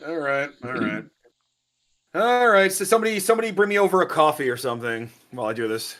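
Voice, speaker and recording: A man's voice: fairly high pitch, very animated, fast, fairly bright tone. A man from New Jersey playing a tabletop game, bantering animatedly and swearing freely. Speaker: player.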